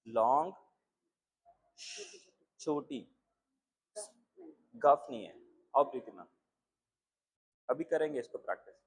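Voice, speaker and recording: A man's voice: mid-range voice, expressive, takes it slowly, long pauses. A man leading a live breathing class, calling students forward and checking whether they understand. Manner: calls students up, checks them, asks if it is clear. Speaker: breathing instructor.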